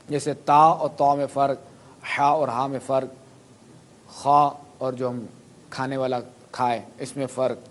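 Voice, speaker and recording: A man's voice: mid-range voice, a little mellow, slight background noise. A man preaching a sermon, explaining Quran pronunciation through spoken examples and asking his listeners to raise their hands. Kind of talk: sermon to a live audience.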